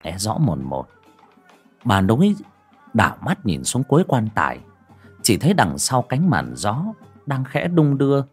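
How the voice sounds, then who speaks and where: Guy reading a spooky audiobook, husky, voice rises and falls a lot. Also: mid-range voice, wildly swooping pitch, normal speed, darkish tone, soft background music. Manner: dramatic, suspenseful storytelling. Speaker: audiobook narrator. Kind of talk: scripted horror narration.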